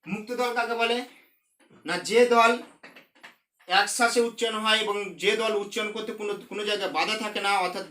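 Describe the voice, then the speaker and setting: A man teaching a recorded lesson, explaining slowly and repeating key terms. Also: high-pitched, fairly even intonation, sharp tone, echoey room.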